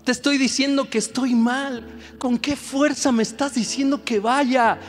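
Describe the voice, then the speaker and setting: A man's voice: very high voice, steady tone, unhurried. A man voicing a doubting poor young man who protests that he is weak and small. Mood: pleading. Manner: incredulous, protesting. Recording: reverberant hall with music.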